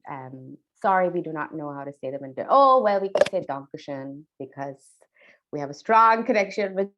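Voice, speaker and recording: A woman's voice: sits low, lively intonation, moderate pace, muffled recording, background noise. A woman from a charity chatting casually and enthusiastically, with lots of fillers and restarts. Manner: enthusiastic, effusive, many fillers. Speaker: charity staff member. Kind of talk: casual conversation.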